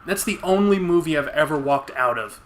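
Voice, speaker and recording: A man's voice: a little high, animated, fairly quick, poor audio. A man talking casually as co-host while he plays a video game. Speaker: let's play co-host playing the game. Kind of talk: casual chat while gaming. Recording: faint background noise.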